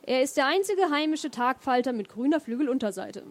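A woman voicing a monotone nature documentary narrator heard on a television, stating facts flatly. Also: high voice, fairly quick. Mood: factual. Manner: flat, factual.

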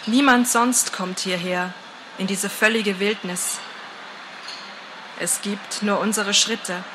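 Woman narrator, story reading, slow, bright, calm. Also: mid-range voice, slight background noise, rough recording. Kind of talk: scripted first-person story narration.

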